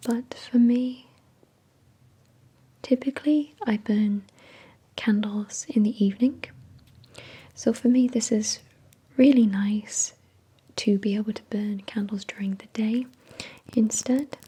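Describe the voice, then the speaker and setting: A woman hosting an ASMR product review in a soft, breathy whisper, with an unhurried, measured delivery. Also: a little high. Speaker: ASMR video host.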